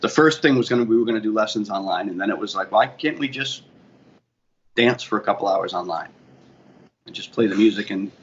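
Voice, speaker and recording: A man's voice: on the low side, brisk. A man with a Boston accent, telling his career story in a casual interview and often correcting himself. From Boston area, USA. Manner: rambling, self-correcting storytelling. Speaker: guest, DJ and bar manager. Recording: muffled audio with faint ambient noise.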